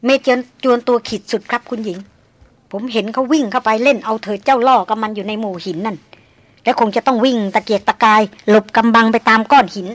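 A woman reading an audiobook, voicing a blunt male hunter who recounts events calmly. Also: on the high side, dry recording, lightly acted. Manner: calm recounting, matter-of-fact. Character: grown male jungle hunter, blunt and steady. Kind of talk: audiobook character voice.

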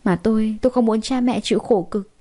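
A woman's voice: a little high, a little fast, dark tone. A woman narrating a first-person story in an emotive, chatty way.

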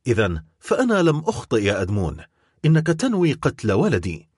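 A man's voice: medium pitch, wildly swooping pitch, quick pace, a little mellow, slightly rough, no room sound, clean studio sound. A man voicing a grieving, desperate middle-aged noblewoman who pleads and cries out in an audiobook reading. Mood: despairing plea.

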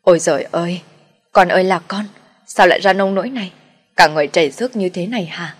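A woman voicing a harsh, bitter older mother-in-law who berates loudly in a storybook tale. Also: a little fast, faint music behind. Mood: scolding. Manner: shrill, berating, loud.

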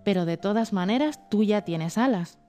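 Death as a gentle, calm woman in a storybook, voiced by a female reader. She answers in an unhurried, mellow way. Her middle-pitched voice stays soft and warm. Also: faint music behind, close to an everyday voice.

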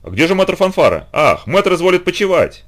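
A flamboyant musician, played by a male narrator, who talks in a grand, mock-courtly manner. His voice is pitched up and lively. He speeds along in a storybook telling. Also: fairly quick. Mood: breezy. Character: flamboyant grown man, a theatrical musician.

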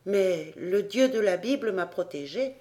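A woman voicing a calm, devout young boy with a soft, gentle voice. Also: medium pitch, unhurried, close to an everyday voice.

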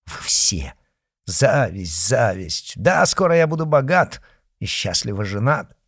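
A man voicing a drunk, jealous young officer who jeers and shouts in an audiobook. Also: fairly low pitch, big pitch swings, slow, creaky, slightly rough, dry recording, studio quality, heavily acted. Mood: jeering. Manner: swaggering, jeering, shouting. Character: drunk, jealous young male officer, boastful and hot-tempered.

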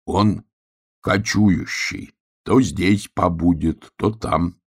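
A man's voice: sits low, very slow, breathy edge, exaggerated voice. A man voicing an impulsive young bear cub who talks in short, blunt, bossy bursts. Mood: explaining. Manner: blunt, brusque, mumbling. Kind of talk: audiobook character voice.

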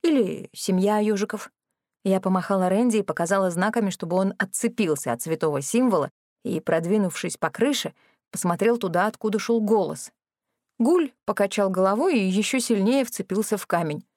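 A woman's voice: medium pitch, lively intonation, fairly quick, darkish tone, dry recording, clean studio sound. A woman narrating a comic fantasy audiobook in the first person, wry and sarcastic.

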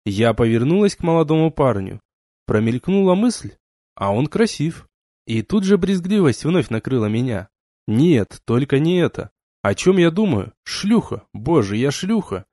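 A man reading a first-person novel aloud as an audiobook, with expressive narration. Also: medium pitch, normal speed, no echo, studio quality. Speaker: audiobook reader.

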